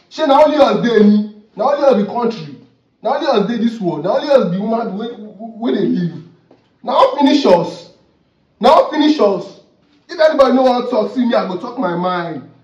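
Ranting young Nigerian man, high-pitched. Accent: Nigerian Pidgin. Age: young adult. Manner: animated, gesturing, ranting, repeating questions. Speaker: comedy vlogger. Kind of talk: comic rant to camera. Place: indoor office room. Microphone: far camera. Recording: roomy, distant, dull camera audio.

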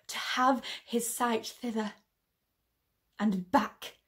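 A young woman acts out a sorrowful, lovelorn heroine of classical drama. Her voice sits a little high and moves slowly, with theatrical pauses that weigh each phrase. The room adds a clear echo around her. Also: fairly even intonation, fairly bright tone, far from the mic, heavily acted. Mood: pained resolve. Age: young adult. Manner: sorrowful, measured, theatrical delivery with long pauses. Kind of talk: dramatic classical Shakespeare monologue. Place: small bedroom, indoors. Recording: roomy echo.

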